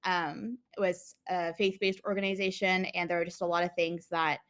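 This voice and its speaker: A woman's voice: lowish voice, little pitch movement, normal speed. A young woman from the United States, a guest in a casual interview, who talks in a chatty way with many fillers and frequent laughs.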